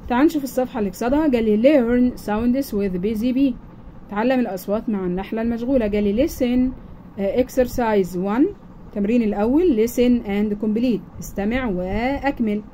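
Egyptian lady teacher doing a kids english lesson, higher voice, soft mellow tone, says every word twice. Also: fairly quick, a little hiss or hum, rough recording. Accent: Egyptian Arabic. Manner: repeats each word twice, explains in simple steps.

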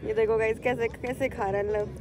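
A chatty woman from India talks straight to her viewers while filming on a handheld phone outdoors at a windy camp. Her voice sits high and she keeps the tone casual and friendly. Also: fairly even intonation, fairly quick, a crowd in the background. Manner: chatty, addresses viewers as guys. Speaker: vlogger. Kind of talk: casual travel vlog chat. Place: outdoors at a desert camp at night.

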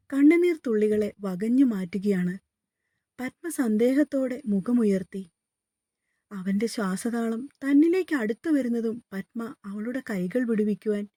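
A woman narrating a romance novel in a calm, even storytelling voice. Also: on the high side, no echo. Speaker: audiobook narrator.

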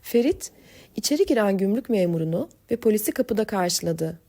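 A woman narrating an audiobook novel in a measured, expressive way. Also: medium pitch.

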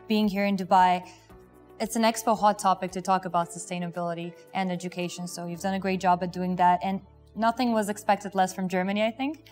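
Woman, 20s, quick upbeat interviewer, lapel mic, faint music. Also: lowish voice, a little mellow. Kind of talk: scripted interview questions. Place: exhibition pavilion indoors.

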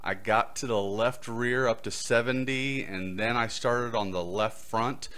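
His mid-range, fairly bright voice moves a little slowly as this middle-aged podcast host recounts a prepared personal story. He's close to a boom-arm microphone in a small studio set indoors.

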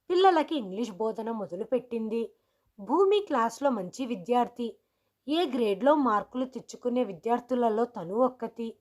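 A woman reads a story aloud in a steady, even manner. Her voice sits high, and she keeps an unhurried storytelling pace. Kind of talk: scripted story narration.

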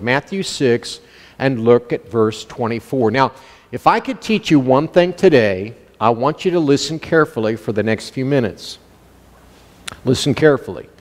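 A man preaching a sermon as pastor, animated, acting out the inner voices of his listeners. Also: mid-range voice. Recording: long hall reverb.

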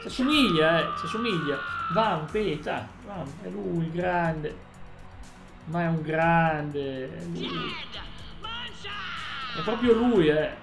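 A man's voice: a little high, animated, slow pace, gravelly, long pauses, echoey room, over music. A man streaming a video game, joking playfully with his chat and friends. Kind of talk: live gameplay stream chat.

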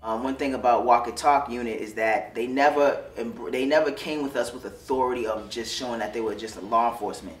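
A man's voice: mid-range voice, a little fast, few pauses. Heartfelt young male officer, roomy sound. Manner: heartfelt, loose phrasing with restarts. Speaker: police officer. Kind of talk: interview testimonial. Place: studio with curtain backdrop. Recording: roomy studio, distant mic, soft music.

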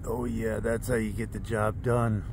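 A man's voice: on the low side, little pitch movement, a little slow, background noise. Upbeat man vlogging outdoors on a phone. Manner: enthusiastic, chatty, exclaims often. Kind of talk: casual vlog narration. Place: outdoors at a Christmas tree farm. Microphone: phone held at arm's length.

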